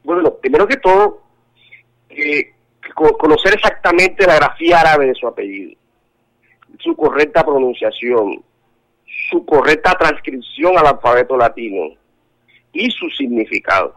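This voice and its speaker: Speaking over a tinny phone line, this Colombian interview guest has a slightly high, somewhat bright voice and is very animated. He keeps a measured pace with frequent pauses, talking earnestly while hesitating and repeating words as he gropes for the right ones.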